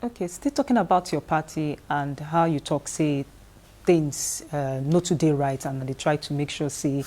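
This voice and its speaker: Low-voiced Nigerian woman interviewer. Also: moderate pace, warm tone. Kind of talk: interview questions.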